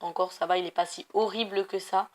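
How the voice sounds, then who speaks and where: She speaks fairly quickly in a steady, mid-range voice. The young woman, of Portuguese family background, is a gaming YouTuber chatting casually as she plays, her commentary rambling and full of fillers and self-corrections.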